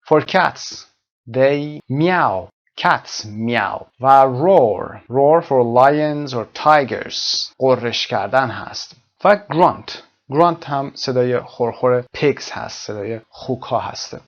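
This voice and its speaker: A man teaching English from a textbook, explaining in one language and reading English examples slowly and carefully. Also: mid-range voice, animated, muffled recording.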